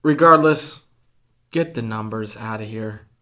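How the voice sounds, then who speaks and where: A man's voice: fairly low pitch, a little slow, pushed and bright. A man co-hosting a casual ministry podcast, playful and full of "dude" and "bro", making jokey arguments. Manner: playful, says "bro" and "dude", argues jokingly. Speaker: student ministry podcast co-host. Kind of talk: casual chat.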